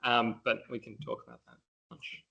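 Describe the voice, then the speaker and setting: A man's voice: mid-range voice, little pitch movement, normal speed, pushed and bright, dull audio. A man from Wales answering questions after an academic talk, with many fillers and restarts. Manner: hesitant, many fillers and restarts, laughs easily. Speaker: conference speaker.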